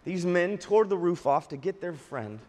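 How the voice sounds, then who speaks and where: A man delivers a sermon in a somewhat high voice, leaning into the story and shifting his pace and volume to stress each point. His words carry a long reverb, as if spoken in a large church hall. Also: expressive, normal speed. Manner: storytelling, varies pace and loudness for emphasis. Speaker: pastor.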